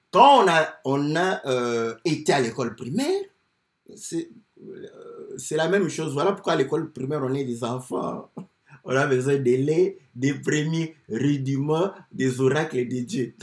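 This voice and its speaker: A man preaching a sermon, teaching slowly with many fillers and repeated words. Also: on the high side. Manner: slow, lively teaching with many fillers and repetitions. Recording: echoey room.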